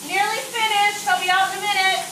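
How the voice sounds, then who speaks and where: A woman's voice: very high-pitched, level tone, brisk, sharp tone. A woman calling back in short, reassuring replies through a bathroom door from the shower. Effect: muffled, heard through a bathroom door from the shower. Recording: echoey room, voice from far off, faint noise.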